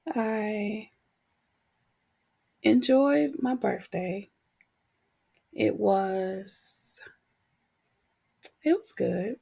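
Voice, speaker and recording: Reflecting candidly alone on her podcast, a woman who coaches motivation speaks in a mid-range, dark-toned voice made husky and cracking by a lingering cold. She never rushes, leaving pauses between short phrases.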